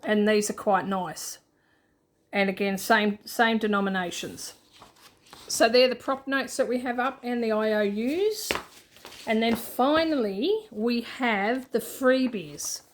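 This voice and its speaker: Speaking slowly in a higher-pitched voice, this Australian budgeting channel host gives a casual show-and-tell of her printables. She keeps it chatty and pokes fun at herself along the way.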